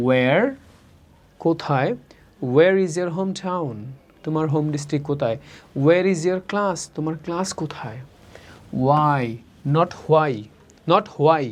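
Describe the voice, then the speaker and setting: A man's voice: fairly high pitch, a little mellow. Man drilling English words. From Bangladesh. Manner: drills words slowly, repeating each form twice. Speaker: English teacher. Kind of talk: recorded spoken-English lesson.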